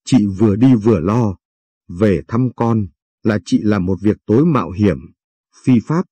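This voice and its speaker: Dark husky male storyteller. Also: lowish voice, moderate pace, no echo. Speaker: storyteller of late-night radio stories. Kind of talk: scripted story narration.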